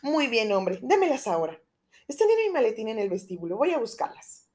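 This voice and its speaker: Give me a woman playing a distressed middle-aged gentleman who speaks urgently and confidentially, with a warm, dark tone. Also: fairly high pitch, very animated, a little fast. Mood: brisk. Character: anxious middle-aged man, a troubled country gentleman. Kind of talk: audiobook reading.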